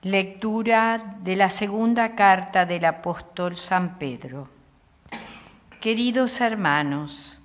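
An older woman reading scripture aloud at a lectern microphone in a small chapel, in a measured liturgical manner. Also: mid-range voice. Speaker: lector. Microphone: stand microphone at lectern. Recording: long chapel reverb.

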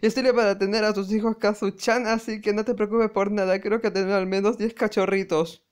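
A reader voicing an eager young girl from a visual novel who insists on marrying the hero, talking in a pushy, excited way. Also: mid-range voice, brisk, smooth, pitched above the performer's own voice, natural voice.

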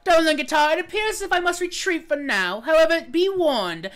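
A woman's voice: extremely high pitch, lively intonation, brisk, fairly bright tone, voice pushed up. A woman voicing a pompous, theatrical ghostly guardian villain in a game, speaking in a grandiose, gloating manner.

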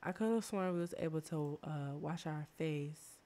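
A woman talks through a life-simulation game in an easy, chatty way, fussing at her characters as she goes. Her voice is a little low for a woman and worn down by a cold. She is the host of her own gameplay channel. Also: normal speed, dark tone. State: sick voice. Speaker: let's play host. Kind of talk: casual gameplay commentary.

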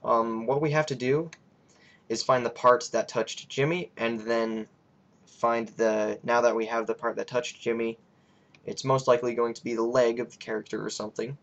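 A young man with a raspy voice hosting a casual coding tutorial, rambling and hesitant with many fillers. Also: mid-range voice, flat delivery, moderate pace, a bit bright, lo-fi sound. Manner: rambling, hesitant, lots of ums. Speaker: scripting tutorial host.

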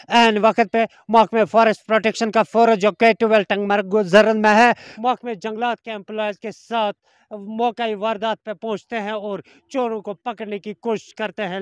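Guy reporting outdoors w handheld mic, high clear voice, pushy accusing tone, dry sound. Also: no room sound. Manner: forceful, accusing tone with formal Urdu officialese. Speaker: field reporter. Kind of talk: news report to camera. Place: outdoors in a forest.

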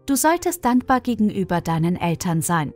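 A woman's voice: lowish voice, sing-song, moderate pace, darkish tone. A woman voicing a defiant young woman who stands up for her sister, with faint music behind. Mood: reproachful. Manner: defiant, reproachful.

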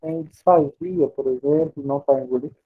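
A Brazilian Portuguese-accented man gives a recorded pharmacy lecture over slides. He asks questions and answers them himself in a fairly high voice. The sound is thin and tinny, as if through a phone line. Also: normal speed, slightly rough. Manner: explanatory, asks and answers his own questions.

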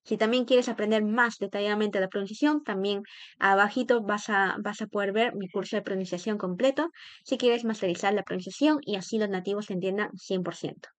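A woman teaching English phrases in a bilingual lesson, repeating each phrase and warmly praising the learner. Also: medium pitch, a little fast, no echo.

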